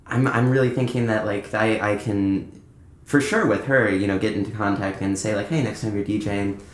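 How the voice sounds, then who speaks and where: A musician appearing as a guest on a podcast chats casually, wandering through anecdotes and acting out snippets of conversation. His voice is fairly low-pitched with a steady tone, and he speaks at a normal speed. The recording has a roomy, echoing indoor sound.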